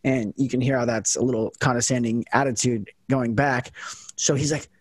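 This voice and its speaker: A man's voice: mid-range voice, fairly even intonation, normal speed, dry recording. A young man hosting a casual podcast chat, rambling with lots of fillers and restarts. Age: young adult. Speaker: podcast host and college football kicker.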